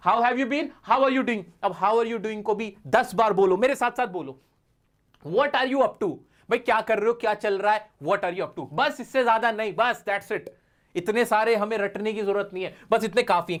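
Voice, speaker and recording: A man teaching spoken English, drilling short phrases through repetition and urging the listener to repeat along in blunt pep-talk style. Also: sits high. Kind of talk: spoken language lesson.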